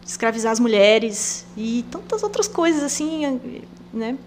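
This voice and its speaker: A woman with an inland São Paulo accent and its rolled caipira R talks as a podcast guest. Her voice sits fairly high, and she tells stories with energy, acting out the lines of the people she quotes. A faint hum of ambience runs under her voice. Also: unhurried. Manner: animated storyteller, acts out quoted dialogue. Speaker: missionary guest. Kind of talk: podcast interview conversation.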